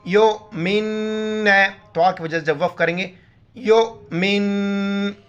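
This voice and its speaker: A man teaching Quran reading, with slow drawn-out recitation and quick spoken explanations in between. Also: sits high, steady tone, smooth, faint music behind. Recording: slightly dull lo-fi audio.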